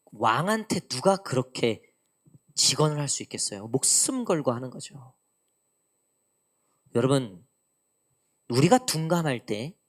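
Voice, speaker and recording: Animated woman preaching a sermon. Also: sits low. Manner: animated preaching, acts out God's teasing lines. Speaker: pastor. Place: church sanctuary.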